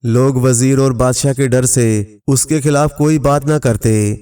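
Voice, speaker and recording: A man reading a scripted folk tale aloud as a storyteller, in a steady, even manner, quoting each character without changing his voice. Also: medium pitch, smooth. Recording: narration from a distance over faint music.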